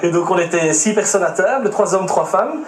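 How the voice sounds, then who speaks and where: A man's voice: high-pitched, expressive, brisk. A Belgian man in his forties, a game show contestant, answering hesitantly with many fillers in an echoey TV studio. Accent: Belgian French. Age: 40s. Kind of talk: casual chat.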